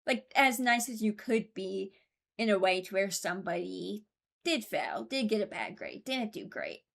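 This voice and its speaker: Hosting a ranking of voicelines, a woman offers informal, opinionated thoughts while musing aloud. Her medium-pitched voice is sing-song with vocal fry, and she speaks at a measured pace.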